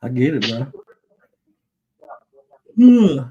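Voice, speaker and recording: Mellow-voiced man in rambling chat. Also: medium pitch, a little slow, lo-fi sound. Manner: relaxed, rambling, slangy. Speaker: stream host. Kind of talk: casual chat.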